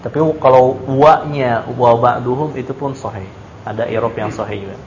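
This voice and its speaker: In a classroom, a man teaches Arabic grammar, quizzing his students and stressing points emphatically. His voice is medium-pitched, a little mellow, fairly even in intonation and moderate in pace, in an echoey, dull room recording with slight background noise.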